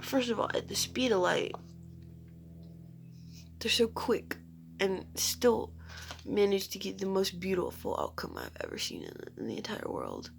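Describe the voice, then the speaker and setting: Young woman, vlogger, casual rambling chat, giggly, whispery asides, gravelly fry. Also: medium pitch, big pitch swings, measured pace, pauses often, a little hiss or hum. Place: her room at home.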